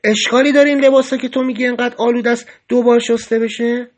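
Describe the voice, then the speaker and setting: A man's voice: very high-pitched, little pitch movement, pitched above the performer's own voice. A man reading a story, voicing a clever, blunt and hot-tempered male prison cellmate who scolds in an exasperated way. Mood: insistent. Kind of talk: audiobook character voice.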